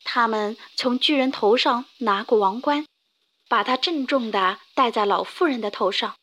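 A woman reading a children's story aloud with lively, expressive narration. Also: on the high side, normal speed.

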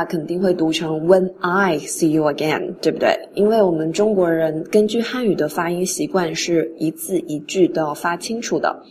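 A woman teaching English pronunciation in a relaxed spoken lesson. She reads English phrases slowly and then explains them in Mandarin. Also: fairly low pitch, slight background noise.

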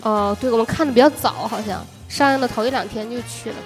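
A woman chats easily on a podcast about recent films, agreeing often and sharing her own picks. Her voice sits a bit high, and faint music runs under the talk. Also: quick pace. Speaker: podcast co-host. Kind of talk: casual chat reviewing films.

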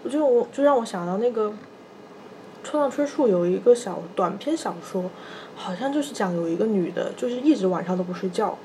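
A woman in her thirties, a podcast co-host, telling a personal story in a soft, halting way, often repeating small fillers. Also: medium pitch, background noise. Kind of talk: personal storytelling in casual chat.

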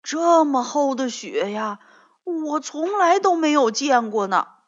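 A woman voicing a sleepy, stubborn young male frog in a children's storybook, calling out loudly. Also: on the high side, sing-song, takes it slowly, voice pushed up, full character voice. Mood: delighted. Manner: loud, stubborn. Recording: dull lo-fi recording.

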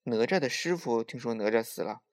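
A man narrating a children's story in a lively, drawn-out storytelling manner. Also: mid-range voice, no echo, studio quality.

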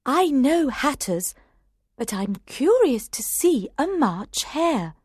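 A man's voice: very high-pitched, big pitch swings, takes it slowly, no echo, studio quality, pitched above the performer's own voice, heavily acted. A man putting on a polite curious Alice. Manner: polite and wondering.

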